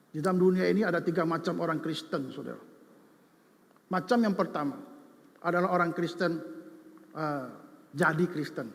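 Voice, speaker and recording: A man, preaching as a pastor in a playful, animated way, acting out both sides of imagined dialogues. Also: high voice. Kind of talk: sermon. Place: large church sanctuary. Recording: long reverb of a church hall.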